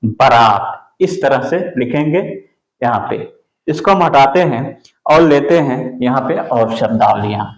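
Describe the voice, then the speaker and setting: Slow, deliberate man teaching spelling. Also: mid-range voice, reverberant, poor audio. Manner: slow, deliberate, repeats words for the student. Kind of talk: exam-prep spelling lesson.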